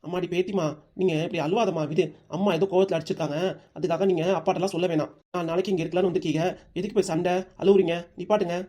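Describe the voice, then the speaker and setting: A kindly cartoon grandfather reasoning gently and standing up for the grandchildren , voiced by a woman. He talks at a brisk pace. He has a southern Tamil accent. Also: on the low side, steady tone, close to an everyday voice. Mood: calm reasoning. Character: kindly grandfather who sides with kids.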